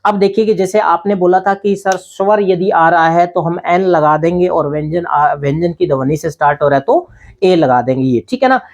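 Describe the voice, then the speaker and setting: A man's voice: a little high, normal speed, highs cut off. Guy teaching grammar class, asks his own questions then answers em, keeps checking "thik hai na". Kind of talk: grammar lesson.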